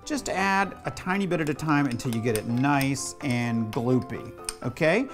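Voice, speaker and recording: A man's voice: mid-range voice, expressive, moderate pace, over music. Teasing middle-aged man demonstrating a recipe. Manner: bossy, teasing, instructive. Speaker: cooking show host, children's author. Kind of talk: playful kitchen demonstration. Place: home kitchen.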